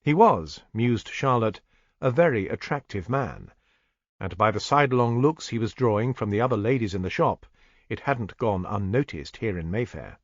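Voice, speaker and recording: A man narrating a period mystery audiobook in a measured, descriptive manner. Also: lowish voice, animated, dry recording. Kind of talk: scripted narration. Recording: dull, dry studio recording.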